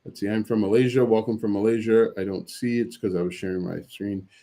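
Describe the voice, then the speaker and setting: A man's voice: on the low side, fairly even intonation, a little fast, dark tone. A man hosting a casual livestream, reading viewer questions from the chat and answering them with frequent fillers and restarts.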